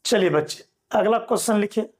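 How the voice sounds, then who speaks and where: A man teaching a maths class, slowly dictating problems and patiently explaining solutions to students. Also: sits high, a little mellow. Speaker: mathematics teacher. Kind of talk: classroom lecture.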